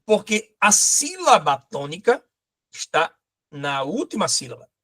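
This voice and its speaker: Lively man teaching grammar. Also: high voice, measured pace. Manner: lively, pointing things out, talking to a co-host. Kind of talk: exam-prep grammar lesson.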